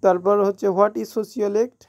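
A woman with a Bengali accent teaching an exam review lesson. She reads English definitions slowly, explains them quickly and often corrects herself. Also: mid-range voice, fairly even intonation, darkish tone. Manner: frequent self-corrections and restarts.

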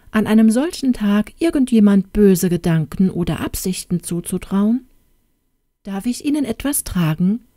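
Brief: measured female storyteller, dark mellow tone, dry studio sound. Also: mid-range voice, no echo. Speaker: audiobook narrator. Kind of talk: scripted narration.

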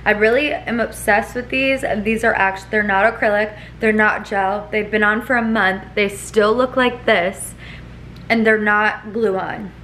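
With the camera held at arm's length, a woman in her twenties rambles through a casual vlog chat at home, moving between living room and kitchen and using plenty of fillers. Her mid-range voice is steady, unhurried and fairly bright, with a little hiss or hum behind it.

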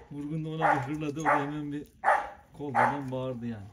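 A man's voice: a little high, steady tone, normal speed, very noisy. Chatty man vlogging outdoors with dogs. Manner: chatty, addresses viewers as friends. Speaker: vlogger showing his dogs and yard. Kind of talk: casual outdoor vlog narration.

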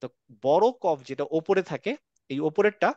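A man teaching an online class in a fairly high, dry, close voice. He is patient and models each sound slowly so that students can repeat it. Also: mellow, no room sound, highs cut off. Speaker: Quran reading teacher.

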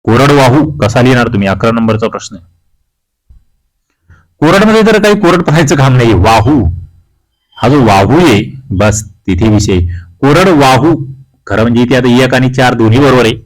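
A man's voice: mid-range voice, lively intonation, normal speed, long pauses, poor audio. A man teaching exam prep from Maharashtra, reading each question and its options aloud and then explaining the answer. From Maharashtra, India. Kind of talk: quiz walkthrough lesson.

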